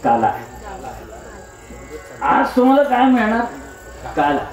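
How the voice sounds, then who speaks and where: Man, kirtan preacher, unhurried, rhetorical questions, echoey hall, music behind. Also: extremely high pitch, big pitch swings, distant mic. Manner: rhetorical questions answered himself, wordplay. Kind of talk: devotional kirtan sermon.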